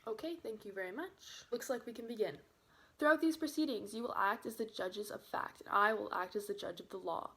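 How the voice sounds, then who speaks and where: A woman's voice: mid-range voice, a little fast, vocal fry, fairly bright tone, husky. A woman playing a judge who gives formal instructions to a jury in an amateur courtroom role-play. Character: formal female trial judge. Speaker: judge in a mock trial.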